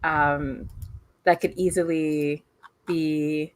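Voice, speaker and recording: A woman's voice: sits low, level tone, extremely slow, no echo. A woman running a tabletop role-playing game, chatty, with lots of fillers and laughter. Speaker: game master.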